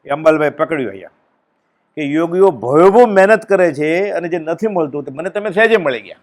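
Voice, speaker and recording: Slightly high-voiced man, spiritual storyteller who bursts out in emphatic lines. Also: fairly quick. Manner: animated storytelling, acting out dialogue with sudden loud exclamations. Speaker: spiritual discourse speaker. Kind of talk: devotional discourse with storytelling.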